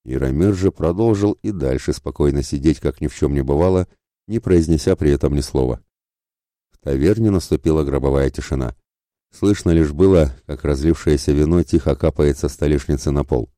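A man narrating an adventure audiobook in a steady, measured storytelling manner. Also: very deep voice, no room sound, studio quality. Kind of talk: scripted narration.

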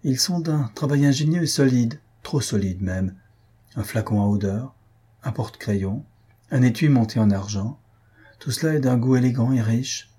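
A man's voice: mid-range voice, expressive, moderate pace, dark tone, slightly rough. A man reading aloud and voicing a nervous young male student who speaks in a stiffly ceremonious way.

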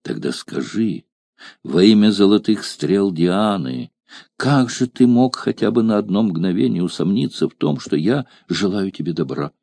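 A scheming young courtesan coaxes her lover with feigned tenderness, voiced by a male narrator. The voice sits a little higher than his own, soft and wheedling, in a dry storybook reading. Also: lively intonation, normal speed, creaky, no room sound. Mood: coaxing.

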